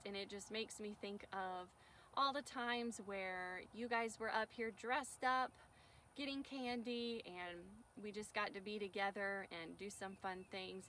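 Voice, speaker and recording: A woman's voice: mid-range voice, bright, forceful tone, a little hiss or hum. A young woman leading a children's online worship talk outdoors, upbeat and coaxing the kids into call-and-response. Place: outdoors on a church field.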